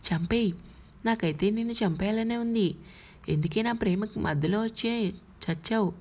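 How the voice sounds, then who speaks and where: A woman's voice: mid-range voice, moderate pace, darkish tone, close to an everyday voice. A woman voicing an angry young husband, harsh and scolding in a dramatized audiobook reading. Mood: furious.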